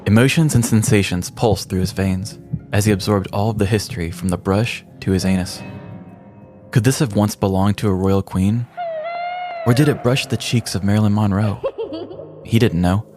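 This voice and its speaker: Over background music, a podcast host tells a scripted comic tale with mock-serious, ornate drama. His voice sits lowish, and he keeps a fairly even intonation at a normal speed.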